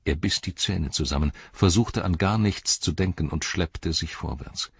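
A man narrating an audiobook in a measured, dramatic storytelling manner. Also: deep voice, gravelly, breathy edge, no echo, dull audio. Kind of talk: scripted narration.

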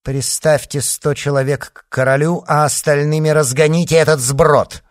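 A man's voice: fairly high pitch, little pitch movement, moderate pace, no room sound, studio quality, pitched above the performer's own voice, lightly acted. A man voicing a proud, angry queen who speaks in a haughty, commanding way.

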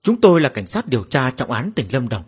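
A man's voice: medium pitch, sing-song, brisk, a little mellow, husky. A man voicing a formal police investigator calling a victim's family in a horror story. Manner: formal, official questioning.

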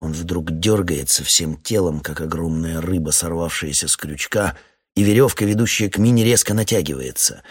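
Deep husky male audiobook narrator. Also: no echo, clean studio sound. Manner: calm, measured, low and steady. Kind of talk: first-person audiobook narration.

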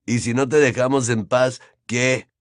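A man's voice: mid-range voice, fairly even intonation, a little slow, no room sound, studio quality, lightly acted. A man voicing a mocking teenage prankster boy with a sly, teasing manner.

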